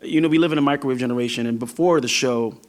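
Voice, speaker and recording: A male singer from New York talking as a podcast guest. He speaks thoughtfully in a relaxed, conversational way, often breaking off mid-sentence and starting his thought over. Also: medium pitch, racing. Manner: reflective, restarts often. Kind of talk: casual interview talk.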